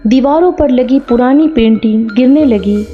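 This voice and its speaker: A woman narrates a horror tale at a slow, measured pace, her voice a little high. The sound is dull and lo-fi, with faint music underneath. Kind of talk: scripted horror story narration.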